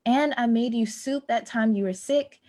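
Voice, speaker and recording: In naturalistic stage dialogue, a high-voiced woman plays a hurt, anxious neighbor who earnestly pleads and reproaches, pressing her point in halting bursts. Her tone is warm, the acting light, and the mood hurt and insistent.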